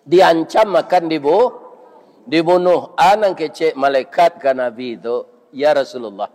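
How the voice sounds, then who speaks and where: An older man's voice, a little high and a little mellow, carries an unhurried village sermon in a Minangkabau accent. Folksy and full of banter, he asks his listeners questions and often tosses in "iya kan?", or "right?".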